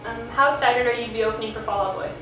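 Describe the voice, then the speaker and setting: High-pitched woman interviewer, echoey. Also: very fast. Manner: short simple questions. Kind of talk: casual interview. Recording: echoey room from far off, music behind.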